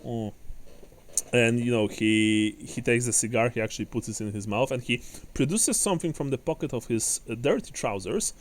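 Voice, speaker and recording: Man, game master, rambling narration, mid pitch. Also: normal speed. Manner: rambling, many fillers and restarts, chuckling.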